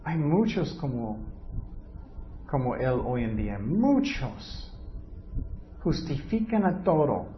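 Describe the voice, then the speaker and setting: A man's voice: medium pitch, big pitch swings, takes it slowly, long pauses, lo-fi sound, slight background noise. A man preaching a sermon, teaching earnestly and asking his listeners rhetorical questions.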